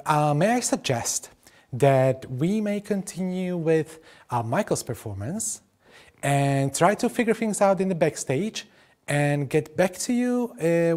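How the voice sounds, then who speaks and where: A man moderates a live stream over a video call, calming a presenter with gentle, hesitant phrasing full of uhs. His voice sits a little higher than average for a man. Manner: reassuring, hesitant with uh fillers.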